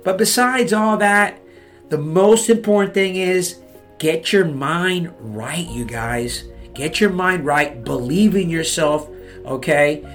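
A man giving real estate advice in a motivational talk, fired up, pushing his listeners with repeated "okay?" and "you guys.". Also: fairly high pitch.

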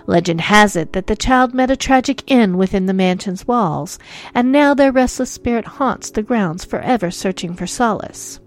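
A woman narrates scripted ghost stories as a theatrical horror host. Her voice sits at an average pitch for a woman. She plays up the spookiness with playful drama, and music runs softly behind her. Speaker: host of a ghost-story podcast.

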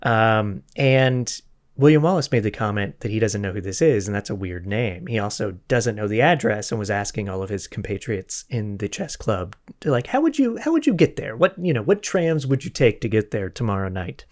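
A lowish male voice with big pitch swings and a moderate pace hosts a true crime podcast about a historical mystery. His retelling is informal and chatty, full of joking asides and moments where he corrects himself.

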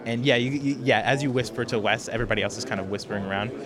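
A man's voice: mid-range voice, rapid-fire, very noisy. A man acting as game master, narrating a tabletop game in a hesitant way full of fillers. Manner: hesitant, many fillers, laughs often.

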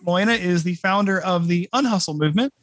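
A man's voice: high-pitched, fast talker, a bit bright, dry recording, faint music behind. A man hosting a podcast, reading a scripted introduction and then asking questions with hesitant "you know" fillers. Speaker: podcast host. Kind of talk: podcast interview.

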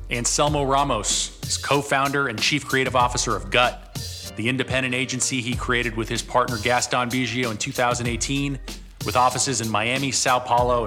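A man's voice: medium pitch, pushed and bright. A man hosting a podcast, reading an upbeat intro with casual slang and interviewing a guest. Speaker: podcast host.

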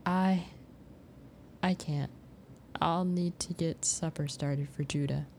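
A woman's voice: sits low, fairly even intonation, slow, slight background noise. Woman voicing a polite young wife. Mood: guarded. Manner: courteous, bright on the surface.

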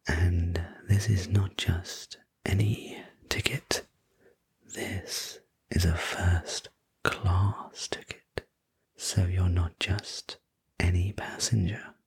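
A man playing a courteous night train conductor in a whispered role-play, narrating a sleep story in a soothing, polite, breathy whisper. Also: low voice, level tone, very slow, heavily acted. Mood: polite, attentive.

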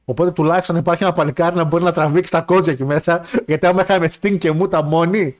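A man banters through a casual wrestling chat show. He reads out viewer messages with quick jokes and bursts of laughter. His talk stays lively and playful. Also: on the high side. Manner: animated, laughing, joking banter. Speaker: podcast co-host.

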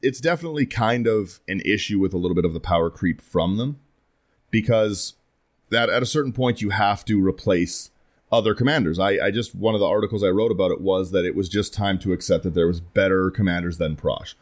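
A man hosting a casual podcast chat, talking quickly and keenly in long runs. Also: deep voice. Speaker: podcast host.

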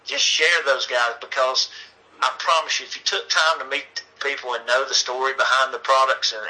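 A man's voice: mid-range voice, bright, forceful tone, low-quality recording. A man being interviewed as a racing league organizer, talking in an earnest, folksy way and rallying listeners. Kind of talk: casual interview chat.

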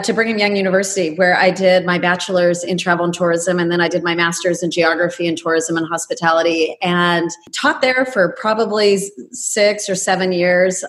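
A woman's voice: lowish voice, a bit bright. A woman in her fifties talking casually as an interview guest, chatty and anecdotal. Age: 50s. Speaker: interview guest, travel agency owner. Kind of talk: casual conversational interview talk.

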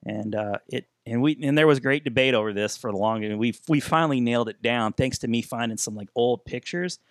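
A man with a medium-pitched voice co-hosts a casual, reminiscing podcast. He chuckles as he talks, and the sound is dry and close. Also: fairly quick, no room sound. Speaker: podcast co-host.

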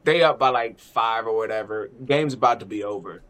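A man's voice: on the low side, brisk, a bit bright. A man co-hosting a podcast, a parent, talking in loose, profane, joking banter with frequent laughs. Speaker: podcast co-host. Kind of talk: casual chat.

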